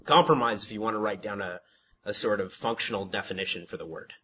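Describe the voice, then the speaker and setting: Speaking quickly in a fairly low voice, a man leads a Bible study like a conversational sermon, asking rhetorical questions, repeating himself, and restarting words. He calls his own voice monotone, and the poor audio carries slight background noise.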